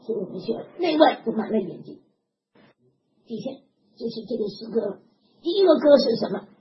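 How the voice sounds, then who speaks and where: An older woman preaching a sermon in an animated, emphatic way, often chuckling. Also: on the high side, a little fast. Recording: dull lo-fi recording with background noise.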